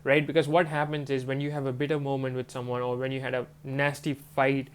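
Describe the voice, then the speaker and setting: A manifestation coach chats casually to the camera in a mid-range, flat, brisk and smooth voice. He rambles with plenty of fillers like "you know" and "um." A cold has left him congested, with a stuffy nose and swollen throat.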